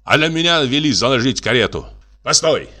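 A man reading the part of a wealthy, pampered, hot-tempered gentleman who shrieks his lines. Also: sing-song, normal speed. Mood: shouting at servant. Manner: shrill, shrieking outbursts.

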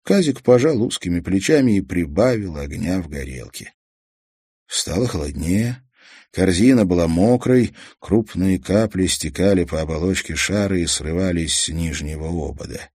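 A man narrating a story in a calm, measured way. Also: low voice, husky, no echo, clean studio sound. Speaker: audiobook narrator.

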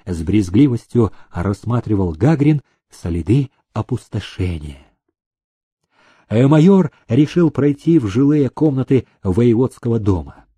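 Slow, husky-voiced male storyteller. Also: medium pitch, animated, mellow, dry recording. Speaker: audiobook reader. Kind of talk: scripted narration.

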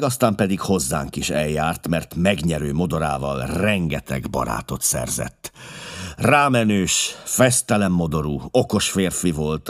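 A man narrating an audiobook as a dramatic first-person confession, reading expressively with emotional swells and sudden drops to a hush. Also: very deep voice.

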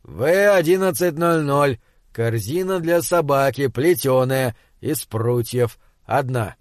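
A man voicing an exasperated male spaceship captain in an audiobook, impatient and given to shouting. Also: mid-range voice, slow, dry recording, clean studio sound, natural voice. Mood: businesslike. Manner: impatient, shouting when pressed.

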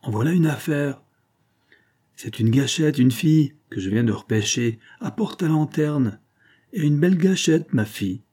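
A man reading aloud, voicing a kindly young male charcoal burner with a brisk, rustic, reassuring way of talking. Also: on the high side, expressive, dark tone, pitched above the performer's own voice. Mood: hearty.

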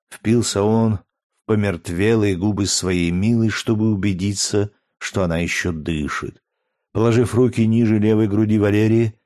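A male audiobook narrator reads a historical novel in a measured, dramatic way. His voice is on the low side and the recording is dry, with no room sound. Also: a little mellow, no room sound.

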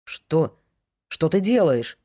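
A young fiancé in an audiobook, eager at heart and quickly thrown into confusion, as a woman narrator reads him. The voice sits a bit low and stays close to plain speech. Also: big pitch swings, dark tone, exaggerated voice. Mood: bewildered. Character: young man, eager then anxious fiancé.

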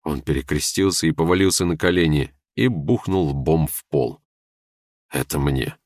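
A man narrating literary prose in a measured, expressive reading. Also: a bass voice, dry recording, clean studio sound. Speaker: audiobook narrator.

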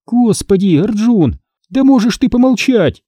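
Man voicing a sharp-tongued teenage girl. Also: high voice, sing-song, no room sound, voice pushed up. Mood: exasperated. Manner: scolding, quick retorts. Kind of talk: audiobook character voice.

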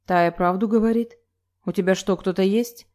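An earnest young man, hurt and upset, speaking with a soft mellow tone , put on by a woman reading an audiobook. He sounds sincere rather than gruff. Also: medium pitch, fairly even intonation, normal speed, lightly acted.

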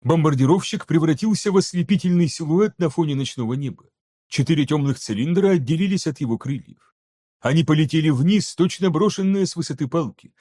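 A man narrating an action-packed fantasy audiobook with steady, even storytelling. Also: on the high side, brisk. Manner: steady, even storytelling that voices each character. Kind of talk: scripted narration.

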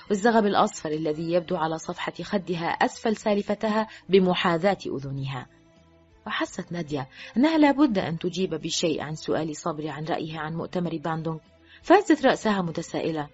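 A woman narrating an audiobook of a novel in a lively, expressive reading. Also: on the low side, slightly rough. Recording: dull lo-fi with faint music.

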